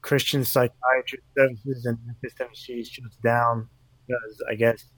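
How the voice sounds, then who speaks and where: A man co-hosting a podcast over a remote call, talking in a hesitant, halting way while his audio keeps cutting out, loud one moment and fading the next. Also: medium pitch, level tone, dry recording, low-quality recording. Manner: hesitant, halting with repeated words. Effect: uneven volume, audio dropping in and out, loud then fading. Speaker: podcast co-host. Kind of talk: casual chat over an online call. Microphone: remote call connection.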